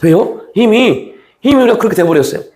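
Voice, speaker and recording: A man preaching a sermon as a pastor, moving between raised, pressing appeals and low, hushed lines. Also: lively intonation, brisk. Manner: acts out quoted speech of Jesus and the young man.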